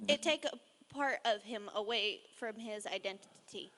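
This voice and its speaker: A woman's voice: mid-range voice, unhurried, a bit bright. A woman fan asking a panel a question, nervous and stammering as she speaks. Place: large convention hall.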